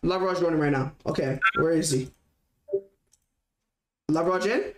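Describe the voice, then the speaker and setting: A man's voice: on the high side, measured pace, noisy background. Slangy man hosting a rowdy stream. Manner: loud slangy banter with chat. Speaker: stream host. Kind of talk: hosting a live-streamed video-call dating show.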